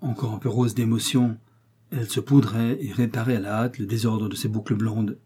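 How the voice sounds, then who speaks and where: A man narrating a novel aloud in a measured storytelling manner. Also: fairly low pitch, fairly even intonation, warm tone, husky.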